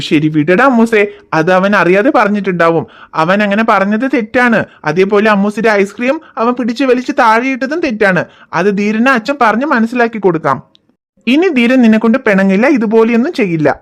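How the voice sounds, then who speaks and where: A gentle, patient cartoon father, voiced by a woman coaxes his crying child with soft reassurance. The voice sits a little high and stays calm and steady. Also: brisk, close to an everyday voice. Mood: soothing. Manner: soothing, coaxing, reassuring. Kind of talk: cartoon voice acting.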